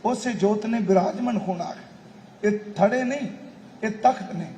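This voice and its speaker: Middle-aged guy preaching a sermon, slow and heartfelt, chants verses sometimes, echoey hall with faint noise. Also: sits high, warm tone. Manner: emotive, slow and deliberate, breaks into intoned scripture recitation. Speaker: Sikh preacher. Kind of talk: devotional sermon storytelling. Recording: echoey hall with long reverb.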